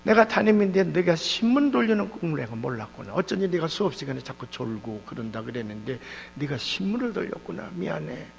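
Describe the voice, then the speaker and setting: A pastor putting on a gruff middle-aged male schoolteacher with rough affection in his scolding. The voice is hoarse and gravelly in a dull recording with a long hall echo and a faint hum. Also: fairly high pitch, very animated, fairly quick, hardly any pauses. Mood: tender.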